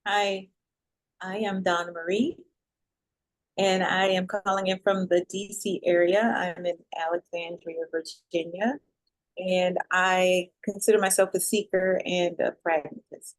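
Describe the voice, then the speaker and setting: Flat, low-voiced woman on a call. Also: measured pace, no echo, poor audio. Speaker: class participant. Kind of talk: video call introduction. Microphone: video call.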